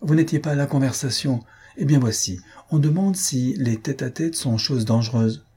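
A man's voice: medium pitch, moderate pace, mellow, breathy edge, voice pushed up. A man voicing a prying society lady who needles with insinuating questions, in a raised voice. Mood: needling.

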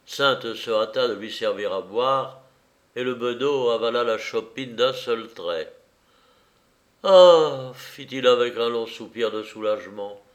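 A man reading a novel aloud as a narrator, measured and deliberate. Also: medium pitch, fairly bright tone. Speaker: audiobook reader.

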